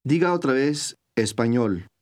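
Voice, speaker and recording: A man's voice: mid-range voice, animated, a little mellow. Man narrating a recorded language lesson. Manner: clear, measured teacher's delivery. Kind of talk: scripted instructional narration.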